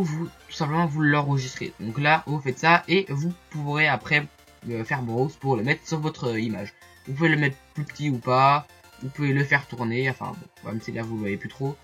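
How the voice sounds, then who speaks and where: A man's voice: a little high, pushed and bright, breathy edge, muffled recording. A man walking viewers through a photo-editing site in a casual screen-recorded tutorial, chatty and hesitant, full of fillers and asides. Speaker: YouTuber explaining software.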